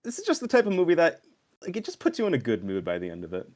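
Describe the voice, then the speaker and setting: A man's voice: fairly high pitch, huge pitch swings, racing, darkish tone. A man co-hosting a podcast, talking casually and enthusiastically about a movie he loves. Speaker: podcast co-host.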